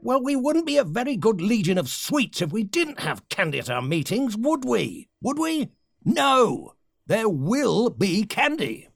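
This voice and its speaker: An actor playing a pompous, short-tempered male leader of a secret candy society in a comedy audio sketch, with grand theatrical speeches and a gravelly voice. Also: very animated, a little slow, no echo, clean studio sound, heavily acted. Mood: exasperated. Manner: theatrical, booming speeches, easily irritated.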